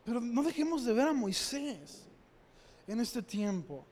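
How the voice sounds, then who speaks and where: A young man with a Mexican accent delivers a sermon in a chatty, storytelling way, playfully acting out the voices in his stories. His voice sits high for a man. It carries a long reverb from the hall he preaches in. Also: big pitch swings, measured pace, darkish tone. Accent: Mexican Spanish. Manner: conversational storytelling with humor and acted quotes.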